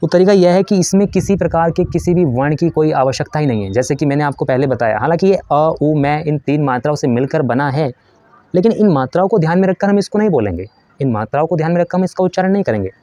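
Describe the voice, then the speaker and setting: A man's voice: on the high side, animated, fast, warm tone, dry recording. A man giving a patient spiritual lesson. He explains step by step, asks questions and answers them himself, and shows how to chant. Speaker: spiritual teacher.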